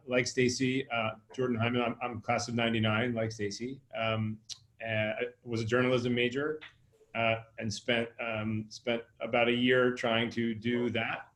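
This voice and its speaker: A man in his forties introducing himself as a board member on a conference call. He talks haltingly, with many fillers and restarts, and his call audio cuts out at times. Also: medium pitch, flat delivery, a bit bright. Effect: conference call audio, cutting out at times. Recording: echoey room over a conference call line.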